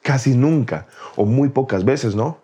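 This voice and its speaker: Mellow-voiced man explaining faith. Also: mid-range voice, measured pace, husky. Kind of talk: calm explanatory talk on faith.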